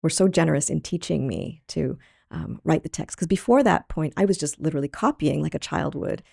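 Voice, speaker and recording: Low gravelly woman, reflective artist. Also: darkish tone, no echo, studio quality. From Thailand. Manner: thoughtful, halting, laughs easily. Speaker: artist guest. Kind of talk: reflective interview talk.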